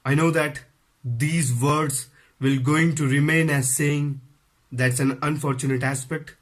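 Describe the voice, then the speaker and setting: Male speaker, fairly high voice, earnest appeal with repetitive phrasing. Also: a bit bright. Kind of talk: earnest video message.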